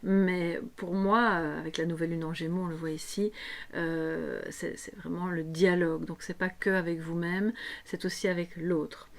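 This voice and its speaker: A woman with a slightly hoarse, lowish voice hosts a tarot guidance video, speaking unscripted at a normal speed with little pitch movement. She explains things to her viewers and checks in with them often.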